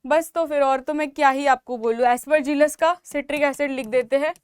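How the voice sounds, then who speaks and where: A young Indian woman teaching biology for exam prep, talking loudly and emphatically, repeating points and urging her students to work hard. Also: sits high, fairly even intonation, normal speed, no room sound, studio quality. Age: young adult. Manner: emphatic, repetitive, motivational, calls out loudly to students. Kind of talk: exam-prep lecture in Hindi mixed with English.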